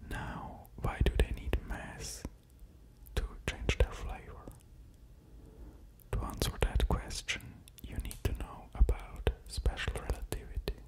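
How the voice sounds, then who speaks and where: Speaking in a slow, careful whisper, this ASMR creator in his thirties explains physics as if lecturing. Two studio condenser microphones with pop filters sit just at the ear, very close, in a small hushed room in his home.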